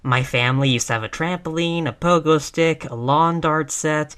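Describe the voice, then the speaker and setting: In an intimate roleplay audio, a woman plays a tough, reckless girlfriend, brash yet affectionate and full of casual, sweary bravado. Her low, smooth, fairly bright voice moves at a moderate pace, and her mood is boastful and casual.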